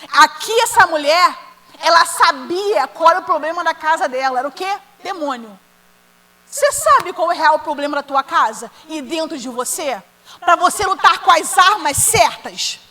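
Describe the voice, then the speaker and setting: A woman's voice: very high-pitched, animated, normal speed, pushed and bright, poor audio. A woman with a Brazilian Portuguese accent preaching a sermon as a women's ministry leader, telling a personal story and speaking straight to the congregation. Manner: earnest storytelling, addressing the congregation directly.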